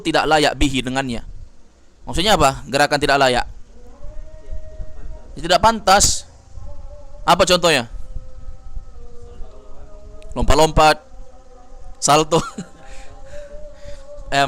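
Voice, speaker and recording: A man from Indonesia leads a classroom lesson on Arabic grammar, his voice sitting a little higher than most men's. He explains each term, then quizzes his students as he goes. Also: fairly bright tone. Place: study hall with students.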